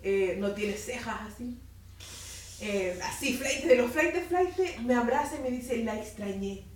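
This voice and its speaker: A Chilean woman teaching at a Bible institute shares a personal testimony, telling it in an informal, animated way and acting out the dialogue. Her voice is a little high and a little slow. The classroom recording comes from a distant mic in an echoey room, with faint hiss.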